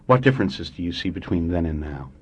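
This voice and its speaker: A man's voice: low-pitched, lively intonation, fast talker, breathy edge. A man asking an interview question, heard through the playback of an old, poor-quality interview recording. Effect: old interview tape played back with poor sound.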